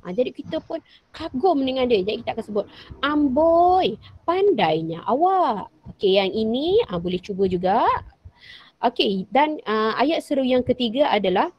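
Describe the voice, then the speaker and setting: A woman's voice: on the high side, expressive, fairly quick, husky, no room sound. Malaysian woman teacher, acted example lines. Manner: patient, repeats example sentences with acted intonation. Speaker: primary school teacher. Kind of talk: online class lesson. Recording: dry, dull lo-fi sound.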